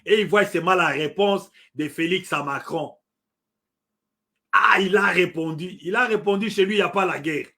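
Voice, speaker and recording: A middle-aged Congolese man, from the Democratic Republic of the Congo, speaks in a high, bright, forceful voice at a normal speed. With a Congolese French accent, he delivers impassioned political commentary. He is emphatic, repeats his points, and pauses with hesitant fillers.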